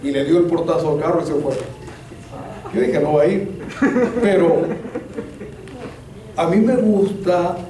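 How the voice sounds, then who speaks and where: High-voiced pastor in echoey church. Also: male voice, a little slow, pauses often. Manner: humorous, animated storyteller. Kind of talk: storytelling sermon. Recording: echoey church hall, distant mic.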